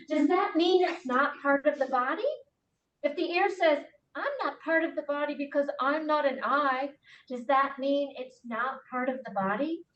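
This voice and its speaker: Woman w/ a really high voice reading bible verses out loud, far from mic. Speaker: participant reading scripture aloud. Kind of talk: read-aloud scripture. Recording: echoey room, distant dull mic.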